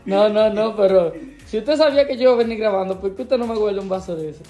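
A man's voice: sits high, quick pace, dark tone, soft background music. Playful Dominican man vlogging. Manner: playful, teasing, chatty. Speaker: vlogger host. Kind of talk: casual vlog chat.

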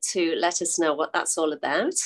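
An older woman hosts an interview over a video call from a room in her home, speaking through a webcam microphone. Her voice is a little low, and she's encouraging, drawing out her phrases.

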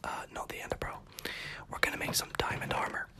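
A gaming host whispering soft, chatty commentary over gameplay, self-correcting as they go, while losing their voice and coughing now and then. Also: fairly quick.

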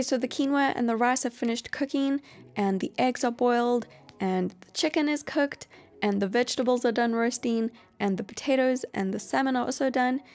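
A woman hosting a cooking channel, explaining each step of a meal prep in a calm voice-over. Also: a little high. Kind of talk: instructional voice-over.

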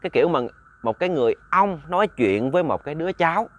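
A man's voice: fairly high pitch, lively intonation. Chatty storyteller man. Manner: chatty, addresses listeners as family, repeats words and fills pauses. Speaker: ghost story narrator. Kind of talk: casual storytelling narration.

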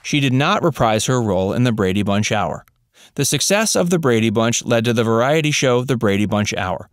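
A man narrating a scripted voice-over, reading facts in an even, read-out way. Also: mid-range voice, fairly quick, clear, resonant tone, no echo.

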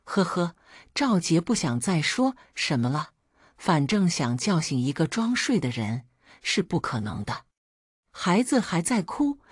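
A woman narrating a family story in a calm, even, scripted reading. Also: lowish voice, husky, no echo, studio quality.

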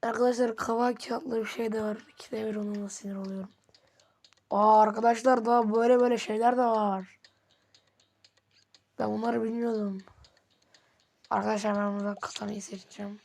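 A woman giving casual let's-play commentary, excitable, talking straight to her viewers and slipping into whispered asides. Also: a little high, a little fast, vocal fry, pauses often. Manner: excitable, often addresses viewers as "friends", drops into whispered asides. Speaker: gaming channel host.

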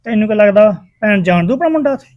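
A man's voice: high voice, lively intonation, rapid-fire, lo-fi sound. An actor playing a worried, easily swayed married village man in a family drama, hesitant and deferential. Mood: agreeing, hesitant. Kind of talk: acted family drama dialogue.

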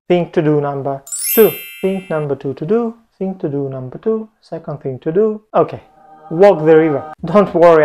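Indoors in a room at home, a playful travel vlogger reads scripted narration into a lapel mic, tossing in jokey asides. His fairly high voice has a dark tone, and the sound quality is lo-fi.

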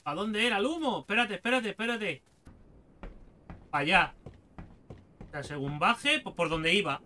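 A man, excitedly commenting as he plays a game, swearing and talking to himself. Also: sits high, normal speed, slight background noise. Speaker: gaming video host. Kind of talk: let's play commentary.

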